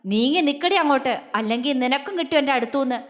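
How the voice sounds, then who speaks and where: A woman's voice: high-pitched, quick pace, lightly acted. A woman voicing a furious, possessive young man who turns tender with his beloved, in a Malayalam audio story. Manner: threatening, harsh then softly soothing. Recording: long hall reverb.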